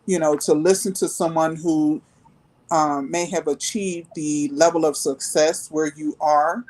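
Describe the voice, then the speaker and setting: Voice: medium pitch, fairly even intonation, unhurried, darkish tone, low-quality recording. A guest in a live online group discussion who speaks thoughtfully and hesitantly, with many filler ums.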